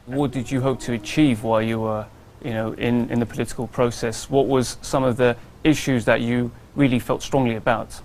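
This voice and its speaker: A man's voice: medium pitch, steady tone, moderate pace, darkish tone, a little hiss or hum. A man hosting an interview, reading a formal introduction and putting questions to his guest. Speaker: interviewer host.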